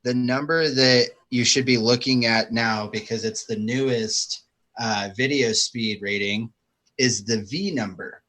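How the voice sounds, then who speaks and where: A man co-hosting a casual livestream chat over a video call. He talks excitedly and explains gear in long, rambling runs. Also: medium pitch, measured pace, low-quality recording. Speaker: show co-host.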